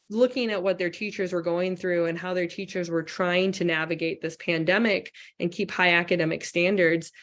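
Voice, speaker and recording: A woman teacher speaking earnestly and reflectively at a conference, with frequent restarts. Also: on the low side. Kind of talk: conference talk. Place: conference hall.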